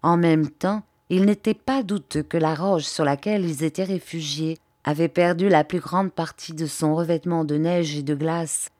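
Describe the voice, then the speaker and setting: A woman narrating a novel as an audiobook reader, in a steady storytelling manner. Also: on the low side, dry recording. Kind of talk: scripted narration.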